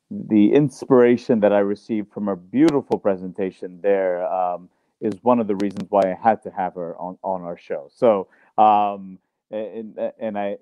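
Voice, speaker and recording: A man hosting an interview show, introducing his guest and posing long questions, halting with many "uh" and "um" fillers. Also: lowish voice, no echo. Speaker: show host. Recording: dull, dry lo-fi sound.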